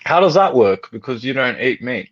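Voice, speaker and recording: On a live stream, a male YouTuber jokes, laughs a lot, and eats while chatting casually. His medium-pitched voice has a sing-song quality at a moderate pace, heard through slightly dull call audio carrying faint noise.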